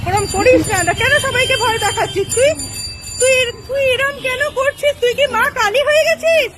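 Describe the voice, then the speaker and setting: A woman's voice: very high-pitched, moderate pace. A woman in a comic street skit, pleading frantically and repeating herself. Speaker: comedy skit creator. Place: outdoors by a busy road. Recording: noisy street with passing traffic.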